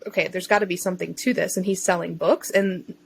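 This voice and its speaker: There's slight background noise as a woman with a lowish, creaky, steady voice talks fast. She appears as a podcast guest, a self-employed digital marketer and online bookseller, relating her own story in a chatty, informal, self-interjecting style.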